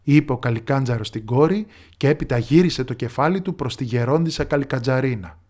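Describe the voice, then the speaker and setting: A man telling a folk tale in lively, expressive scripted narration. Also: medium pitch.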